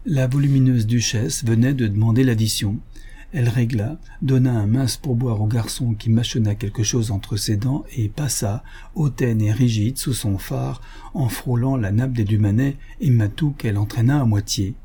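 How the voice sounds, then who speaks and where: Casting note: male audiobook reader, mellow and husky, even literary narration, small lifts in pitch for dialogue. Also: moderate pace.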